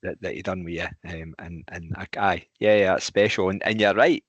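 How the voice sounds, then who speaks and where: A man's voice: deep voice, steady tone, fairly quick, dry recording. A man, a podcast host, giving brief responses to his guest. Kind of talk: casual podcast interview.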